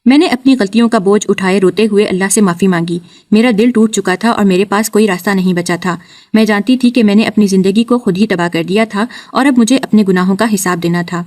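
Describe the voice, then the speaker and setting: A woman storyteller reading a moral tale in the first person. Her delivery is earnest and confessional, and her voice sits at an ordinary middle pitch. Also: a little mellow.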